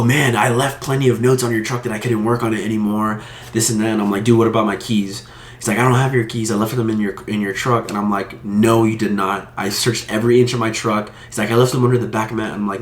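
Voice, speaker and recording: Male vlogger, aggrieved and heated, lowish voice, echoey room. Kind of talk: casual storytelling to camera.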